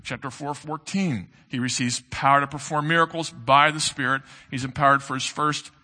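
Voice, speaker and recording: A male pastor preaching a sermon, earnest and emphatic, with pauses that build to stressed points. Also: mid-range voice, steady tone, bright, forceful tone. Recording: long reverb of a large hall.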